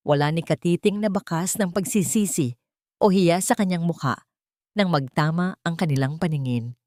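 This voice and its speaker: A woman narrates a scripted dramatic story as an audiobook, speaking at a moderate pace with a fairly low, slightly mellow voice. The recording is clean studio sound with no room sound.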